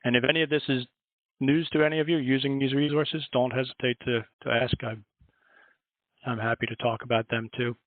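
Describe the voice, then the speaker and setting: A man's voice: medium pitch, flat delivery, a little fast, no room sound. A man with a Philadelphia accent, a librarian giving a chatty, rambling workshop presentation on a video call. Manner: chatty, rambling, self-correcting. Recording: dry, tinny phone-like audio.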